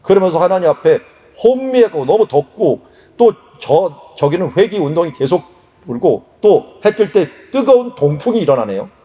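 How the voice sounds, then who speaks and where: Pastor guy preaching casually, warm mellow tone, kinda muffled sound. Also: high voice, moderate pace. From Korea. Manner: lively, conversational preaching with acted quotes. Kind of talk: sermon.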